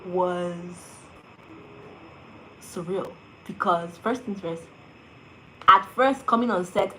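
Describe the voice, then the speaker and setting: A young actress answers questions in a casual vlog. Her voice sits at an ordinary middle pitch, and she talks in a chatty, animated way full of fillers. A faint hiss runs under the recording. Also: rough recording.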